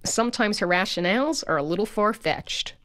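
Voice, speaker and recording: A woman's voice: mid-range voice, expressive, fairly quick, fairly bright tone, a little hiss or hum. A woman telling comic personal stories as a narrator. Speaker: storyteller.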